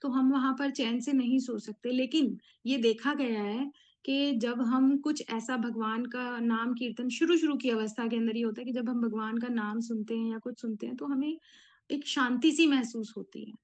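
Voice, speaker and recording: A woman speaks in a slightly high voice as she gives a devotional discourse. She explains each point at a measured pace, pausing often and using fillers as she gathers her thoughts. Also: steady tone, a little mellow. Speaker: spiritual speaker.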